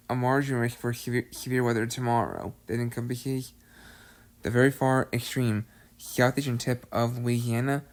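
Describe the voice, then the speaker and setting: A man hosting his own severe weather update, methodically reading out the risks and regions in a repetitive way, sounding slightly out of breath. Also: mid-range voice. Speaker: amateur weather forecaster, channel host.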